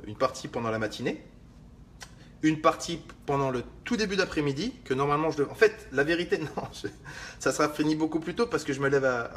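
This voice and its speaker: A man's voice: medium pitch, fairly bright tone. Man, casual vlog, slangy, swears lightly, rambling asides, home kitchen, faint background hiss. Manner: slangy, swears casually, speaks straight to the viewer. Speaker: fitness vlogger. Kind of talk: casual video chat while preparing a drink.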